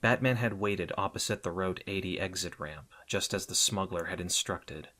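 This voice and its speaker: A man narrating an adventure audiobook in a measured way, softening at the ends of phrases. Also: deep voice.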